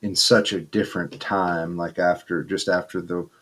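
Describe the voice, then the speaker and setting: A man co-hosting a podcast, talking earnestly with many pauses and fillers. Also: low-pitched, flat delivery, a bit bright. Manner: earnest, hesitant, lots of fillers. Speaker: podcast co-host. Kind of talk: casual chat.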